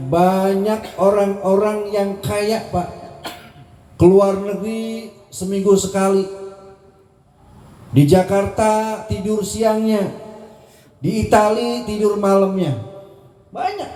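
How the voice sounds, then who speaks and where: A man's voice: fairly high pitch, dark tone. Emotional male preacher in echoey hall. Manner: emotional storytelling, addresses listeners as Pak. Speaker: preacher at a hajj send-off gathering. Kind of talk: religious address to a gathering.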